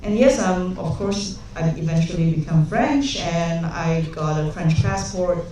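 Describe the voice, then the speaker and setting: A young adult woman from Singapore gives a humorous conference talk, telling anecdotes in a chatty way packed with fillers. Her lowish voice is warm and unhurried. She sounds far from the mic in an echoey, roomy hall, and there's a slight hiss or hum.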